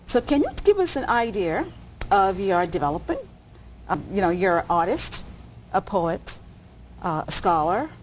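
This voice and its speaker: A woman's voice: medium pitch, very animated, a little slow. A woman hosting a cable TV interview, hesitating with many ums and restarts. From Bahamas. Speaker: talk show host. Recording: dull audio, faint noise.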